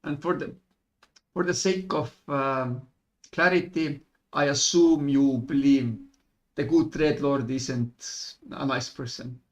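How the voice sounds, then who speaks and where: A man's voice: mid-range voice, fairly even intonation, slow, highs cut off. A man playing a tabletop game over voice chat, hesitant and weighing his options aloud. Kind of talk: casual in-character debate over voice chat.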